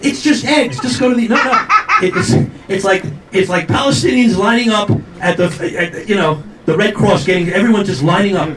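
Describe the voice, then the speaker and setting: A man's voice: high-pitched, a little fast. A middle-aged man doing a brash, rambling, self-mocking stand-up comedy set. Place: live comedy show venue. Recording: roomy live venue, distant mic, loud noise.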